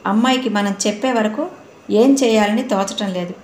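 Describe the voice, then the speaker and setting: A kind, steady man in a spoken storybook talks gently and reassuringly, as a woman narrator reads him. The reading carries a roomy echo and a faint background hiss. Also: medium pitch, moderate pace, lightly acted. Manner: soothing, reassuring. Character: kind, calm middle-aged man, helpful friend. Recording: roomy room, faint noise.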